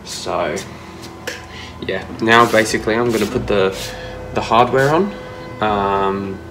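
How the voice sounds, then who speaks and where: A man's voice: lowish voice, slow pace, noisy background. A young man casually narrating a DIY skateboard project, thinking aloud with fillers as he works at home on a phone camera. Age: young adult. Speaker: DIY vlogger. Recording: music playing under the voice. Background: background music.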